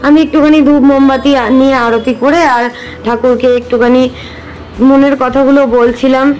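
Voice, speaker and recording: A young mother talks straight to her viewers in an easy, chatty vlog manner. Her voice sits a little high for a woman, and she walks them through her day at home and out. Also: fairly even intonation, normal speed, darkish tone, soft background music, poor audio. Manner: chatty, addresses viewers directly. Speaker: vlogger and mother of twin boys. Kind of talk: casual family vlog.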